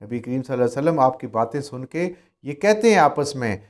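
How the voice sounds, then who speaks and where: A man's voice: mid-range voice, animated. A man teaching a Quran commentary lesson, reciting Arabic verses and then explaining them, repeating and rephrasing his points.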